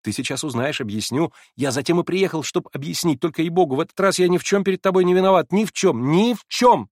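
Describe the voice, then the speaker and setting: A man voicing an eager, excitable young man who protests his innocence. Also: a little high, quick pace, dry recording, studio quality, voice pushed up. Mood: excited.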